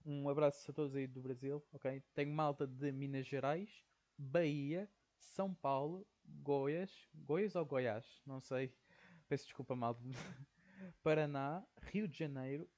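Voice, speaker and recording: A man's voice: on the high side, a little mellow. Young Portuguese man hosting his own podcast, chatty and rambling with a European Portuguese accent, lo-fi home recording. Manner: rambling, says "ok?" constantly, slangy. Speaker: podcast host. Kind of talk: casual solo podcast monologue.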